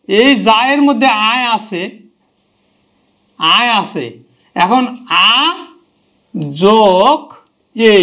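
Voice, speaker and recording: A man's voice: extremely high pitch, fairly bright tone. A man teaching a grammar lesson who repeats key terms and asks and answers his own questions.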